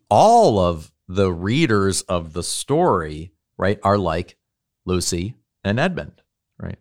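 Deep-voiced man lecturing thoughtfully. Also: no room sound, studio quality. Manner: thoughtful, explanatory, frequent tag questions. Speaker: university lecturer. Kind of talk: lecture on literature and faith.

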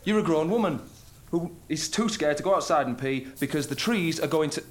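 A man's voice: a little high, expressive, brisk, close to an everyday voice. A man playing a dry, teasing boyfriend on a camping trip in a comedy audio drama. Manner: dry, teasing, swears casually.

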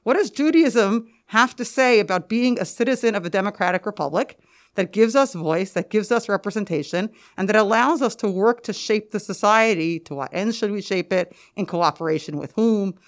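A woman with an American accent explains her thinking as an interview guest, in a medium-pitched voice. She is articulate and emphatic, building points through rhetorical questions. A face mask slightly muffles her speech. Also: expressive, normal speed. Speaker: interview guest, school administrator and researcher. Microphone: podcast microphone, through a face mask.

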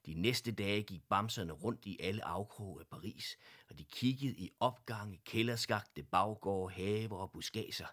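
A man narrating a children's audiobook with expressive storytelling. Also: fairly low pitch, hardly any pauses.

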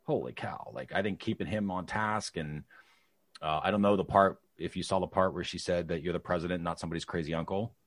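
Low-voiced man, casual political chat. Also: a little fast, no room sound. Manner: sarcastic, animated, many restarts. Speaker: podcast co-host.

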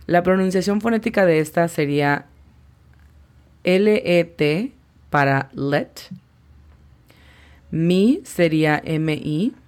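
Slow, low-voiced woman teaching English. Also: animated, a little mellow. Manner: slow, careful spelling-out of English words. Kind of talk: language lesson.

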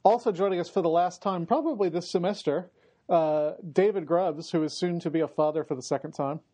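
A higher-voiced man hosts a casual podcast, teasing and joking as he goes. He is recorded on a built-in laptop mic, so he sounds boxy, as if he were talking from inside a barrel. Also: a little fast, dark tone. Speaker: podcast host; English professor. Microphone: embedded laptop microphone instead of headset.

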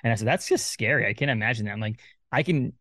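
A man's voice: medium pitch, quick pace, pushed and bright, no room sound, studio quality. A man in his thirties from Maine, hosting a podcast in casual chat, rambling and laughing often. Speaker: podcast host.

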